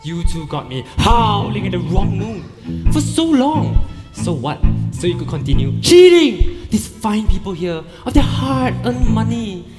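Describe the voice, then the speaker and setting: A theatrical, indignant cop acted out on stage declaims slowly with big swings in pitch. Loud guitar music plays in an echoey hall. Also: huge pitch swings. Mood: accusing. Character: indignant, theatrical police officer exposing art fraud.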